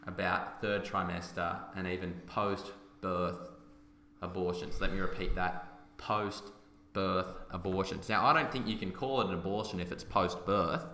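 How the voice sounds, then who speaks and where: A man's voice: deep voice, pushed and bright, slight background noise. A man hosting a podcast, talking in an emphatic, argumentative way. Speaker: podcast host. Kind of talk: casual opinion chat. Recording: roomy echoey room.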